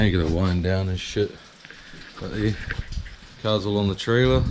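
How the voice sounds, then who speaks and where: A man's voice: fairly low pitch, noisy background. A man with a broad New Zealand accent giving a casual, slangy, sweary video diary in a laid-back way. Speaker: vlogger and drift car driver.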